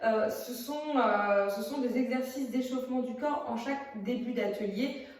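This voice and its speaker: A woman's voice: a little high, moderate pace, darkish tone. Woman, drama teacher, casual chatty delivery with hesitations; distant phone mic, very echoey room. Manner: chatty, many hesitations, demonstrates while talking. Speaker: theatre workshop teacher. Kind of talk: casual video lesson. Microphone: phone camera at a distance.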